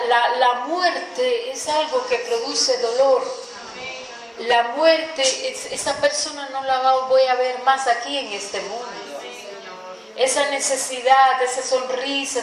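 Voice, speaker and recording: A woman pastor preaching a sermon in a lively, repetitive way, asking her listeners questions. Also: high-pitched. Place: large echoey church hall. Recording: very echoey hall with faint background noise.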